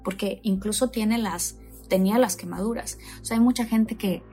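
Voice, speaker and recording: Mellow woman thinking aloud. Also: medium pitch, moderate pace, soft background music. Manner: reflective, hesitant with restarts. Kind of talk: casual chat.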